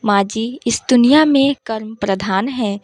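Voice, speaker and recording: A woman voicing a headstrong young wife who talks in a stubborn, dismissive way, slowly. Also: fairly high pitch, darkish tone, no echo.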